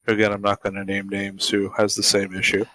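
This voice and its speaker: A man's voice: fairly low pitch, completely flat delivery, brisk, bright, forceful tone, no room sound. A man co-hosting a podcast, laid-back in casual chat, mostly chiming in agreement. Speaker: podcast co-host.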